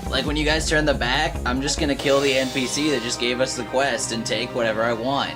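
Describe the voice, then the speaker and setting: A man's voice: medium pitch, fairly even intonation, a little fast, over music, lightly acted. A man voicing a cocky, brash tomboy pegasus girl who talks in a boastful, casual way.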